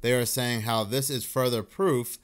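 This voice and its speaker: A man at an average pitch doing casual online commentary. He reads news excerpts and message logs aloud in a loose, conversational way, leaning on fillers. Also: steady tone, moderate pace. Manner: conversational, uses fillers like basically. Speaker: YouTube commentator.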